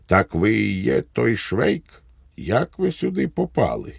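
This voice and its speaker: A man voicing a smooth, genial police commissioner in an audiobook, affable and sly. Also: fairly low pitch, wildly swooping pitch, measured pace, no room sound, studio quality, voice pushed up, full character voice. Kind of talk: audiobook character voice.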